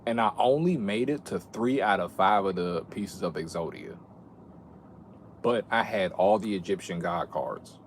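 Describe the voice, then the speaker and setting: A man's voice: deep voice, lively intonation, measured pace. A young adult man chatting casually on a livestream, reminiscing in a laid-back, slangy, rambling way with some swearing. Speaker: streamer. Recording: clear background noise.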